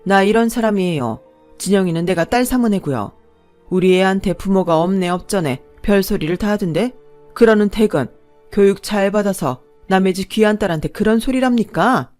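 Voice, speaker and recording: Woman doing a wealthy executive lady, firm, unhurried, in charge. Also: mid-range voice, expressive, a little mellow, faint music behind, lightly acted. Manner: firm, cool, authoritative. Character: commanding wealthy middle-aged woman executive.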